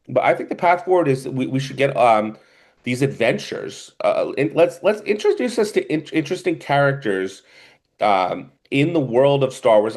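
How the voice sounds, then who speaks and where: A man with a New Jersey accent co-hosting a casual film review podcast, rambling in a stop-and-start way. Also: medium pitch. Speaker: podcast co-host.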